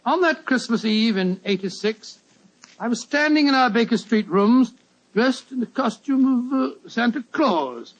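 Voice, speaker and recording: An actor playing a genial British gentleman doctor reminiscing on an old radio show, in a chatty, hesitant way. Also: very high voice, expressive, a little slow, full character voice. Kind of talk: old-time radio storytelling. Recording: muffled vintage radio broadcast.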